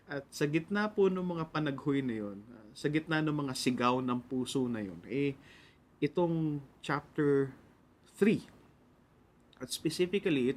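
Earnest Filipino man preaching devotionally. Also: a little high. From Philippines. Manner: earnest, mixes Tagalog and English, polite "po". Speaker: radio pastor. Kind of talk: devotional sermon.

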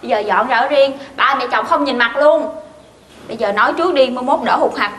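Bright, high-voiced young southern Vietnamese bride-to-be. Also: female voice, brisk. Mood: annoyed. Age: 20s. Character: stubborn, blunt young bride-to-be. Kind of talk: TV comedy skit acting. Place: indoors, tiled rooms. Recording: echoey room with clear noise.

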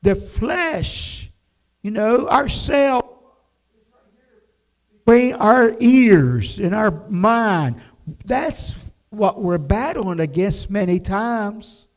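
An older man preaching a devotional sermon from a church pulpit, slow and emphatic, reading scripture aloud. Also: high voice, expressive. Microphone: pulpit microphone, far camera.

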